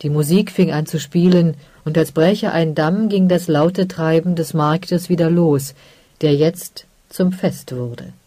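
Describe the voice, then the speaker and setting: An audiobook narrator reading a fantasy story in calm, measured scripted narration. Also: medium pitch, no room sound.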